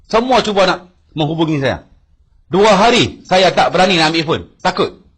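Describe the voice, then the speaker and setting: A man's voice: high voice, lively intonation, normal speed, a bit bright, husky. A man recounting events emphatically to an audience he addresses directly. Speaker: speaker giving testimony.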